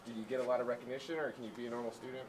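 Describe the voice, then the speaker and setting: A man's voice: medium pitch, level tone, rapid-fire. A male reporter putting long, direct questions at a press scrum. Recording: distant mic with crowd noise.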